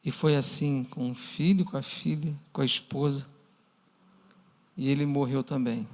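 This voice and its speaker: A man's voice: mid-range voice, steady tone, measured pace. A man with a Brazilian Portuguese accent teaching a church lesson, earnestly addressing the congregation as brothers and acting out imagined prayers. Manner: acts out imagined prayers in a softened voice. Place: church hall. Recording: long reverb of a church hall.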